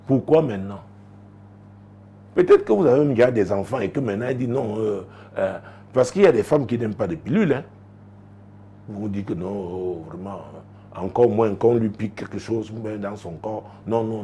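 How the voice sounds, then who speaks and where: A male pastor giving marriage advice in a lively talk show, telling stories with frequent laughter and sudden excited rises in his voice. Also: moderate pace, breathy edge. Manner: animated, joking, laughs often, rises sharply in pitch when excited.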